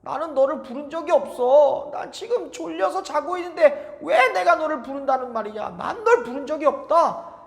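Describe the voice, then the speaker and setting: A storytelling preacher voicing Eli, an old, sleepy, grumpy priest who scolds loudly. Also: high-pitched, animated, normal speed, vocal fry, in a large hall, pitched above the performer's own voice. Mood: scolding. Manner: loud, scolding.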